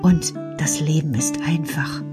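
A woman's voice: low-pitched, steady tone, measured pace, over music. A woman voicing Petra, a dreamy female puppet character reciting rhymes in a sing-song way. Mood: hushed.

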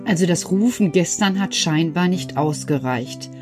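A woman's voice: fairly low pitch, lively intonation, moderate pace, music in the background. A woman presenting for children, chatting casually and explaining plants simply. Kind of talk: casual chat.

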